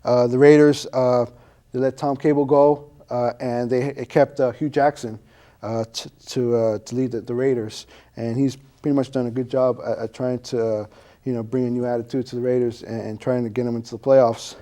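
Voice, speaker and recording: A man's voice: medium pitch, flat delivery, normal speed, mellow. A man co-hosting a sports show, recapping the football season hesitantly with many fillers.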